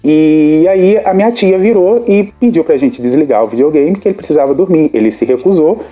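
A man with a very dark, mellow voice tells a story in loose podcast chat, animated and often stopping to restart his sentences. He sits a little above the usual male pitch. The sound is dull and lo-fi, with faint music underneath. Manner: animated, many halting restarts. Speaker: podcast co-host.

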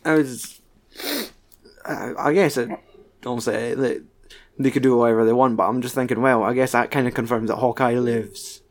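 A man's voice: mid-range voice, fairly even intonation, normal speed. A Scottish man co-hosting a casual film podcast, rambling and joking with some swearing. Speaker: podcast co-host.

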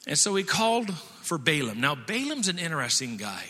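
A man's voice: a little high, sing-song, a little fast, bright, forceful tone. A man preaching a sermon in a folksy storytelling way with restarts, in a long-reverb hall. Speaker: pastor.

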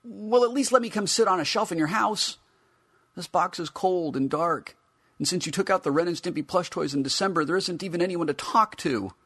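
A man's voice: high-pitched, fairly quick, a bit bright, voice pushed up. A man voicing a cranky, smug teenage boy action figure who whines and swears. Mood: pleading. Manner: whiny, bratty, profane.

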